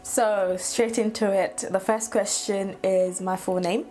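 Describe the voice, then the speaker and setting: A Nigerian YouTuber in her twenties films a casual get-to-know-me vlog, chatting to her camera with frequent laughs and playful asides. Her mid-range voice is dark, fairly even in intonation, and she takes it slowly.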